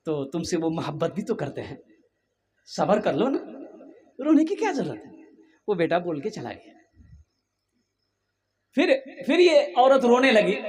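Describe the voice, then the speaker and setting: High-voiced man telling a sermon story. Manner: animated storytelling, acts out voices of characters. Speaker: preacher.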